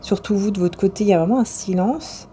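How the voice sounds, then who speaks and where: A woman talks straight to the viewer through a tarot reading, stopping often to hesitate and restart. Her voice is warm and mellow. A faint hiss sits under the recording. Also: mid-range voice, quick pace. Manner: rambling and hesitant, full of fillers and restarts. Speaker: tarot and oracle card reader.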